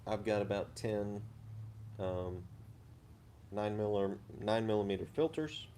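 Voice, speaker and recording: Low-voiced man chatting casually on a livestream. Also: fairly even intonation, unhurried, warm tone, a little hiss or hum. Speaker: host of a pipe-smoking live chat.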